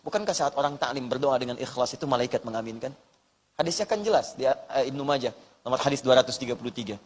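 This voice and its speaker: A man's voice: mid-range voice, animated, fast talker, slightly rough, big-room sound. A man preaching a sermon, repeating words for emphasis and telling stories with quoted dialogue. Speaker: Islamic preacher. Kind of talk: sermon on preparing for hajj.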